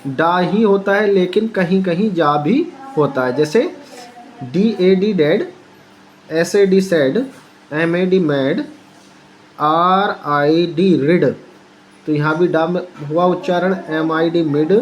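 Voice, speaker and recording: A man teaches pronunciation at an unhurried, deliberate pace, spelling each word letter by letter. He keeps quizzing his listener with short questions. A faint hiss sits under his voice. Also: a little high. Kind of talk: spoken pronunciation lesson.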